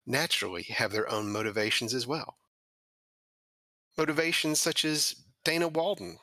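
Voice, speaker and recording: A man hosting a podcast, his voice bright and forceful with a mocking, sardonic edge. He talks into a close mic in a dry room with no echo. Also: mid-range voice. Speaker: podcast host. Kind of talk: scripted monologue then casual chat.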